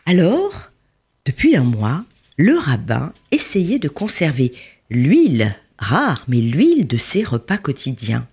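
A storyteller narrating a tale with expressive, lively delivery. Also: medium pitch, slow pace, slightly rough.

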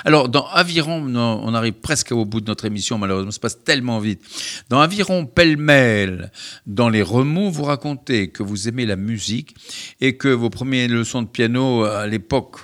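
A man's voice: medium pitch, moderate pace, fairly bright tone. Chatty male radio host. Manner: eager, chatty, interjects often. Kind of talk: radio interview.

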